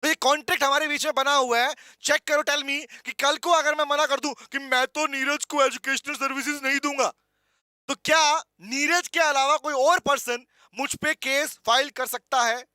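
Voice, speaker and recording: A man teaches law in a high, ringing voice. He is playful and chatty, often repeating key points to his students. The sound is close and dry, with no room around it. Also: steady tone, moderate pace, pushed and bright, dry recording. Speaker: law lecturer. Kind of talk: online revision lecture.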